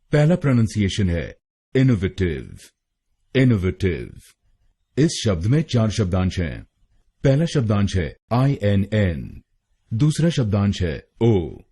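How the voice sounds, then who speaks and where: A man teaching the pronunciation of a word step by step in a voice-over, repeating each syllable slowly and carefully. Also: on the low side, dark tone, breathy edge.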